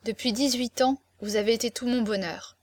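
A woman's voice: fairly high pitch, fairly even intonation, brisk, no room sound, lightly acted. Woman doing grave sorrowful man, subdued murmur, hesitant, dry close recording. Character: grave middle-aged man, reserved, sorrowful guardian.

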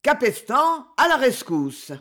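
A narrator voicing a defiant, swaggering male knight who shouts insults and battle cries at his attackers in an audiobook reading. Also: mid-range voice, sing-song, extremely slow, husky, exaggerated voice.

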